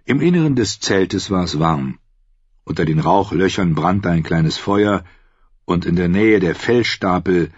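A man narrating a fantasy audiobook in an even, steady storytelling manner. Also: sits low, breathy edge, dry recording. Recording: slightly dull, dry studio recording.

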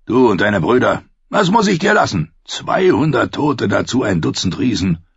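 Male reader doing a jovial, booming wildling brute, husky and lively, dull dry audiobook sound. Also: normal speed, dry recording, heavily acted. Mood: roaring jovial. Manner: booming, laughing, mocking. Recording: muffled lo-fi recording.

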